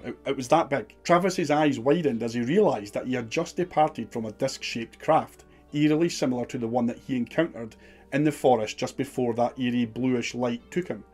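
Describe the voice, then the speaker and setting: A man's voice: mid-range voice, a little mellow, breathy edge. A man giving scripted documentary narration in a dramatic, suspenseful storytelling manner.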